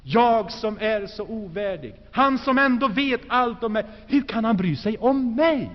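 A man preaching an earnest sermon, rising in force and then sinking to hushed, low phrases. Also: lively intonation. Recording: dull, lo-fi recording with long hall reverb.

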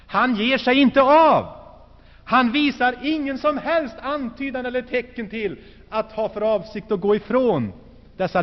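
A man preaching an earnest sermon, rising in force and then sinking to hushed, low phrases. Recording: dull, lo-fi recording with long hall reverb.

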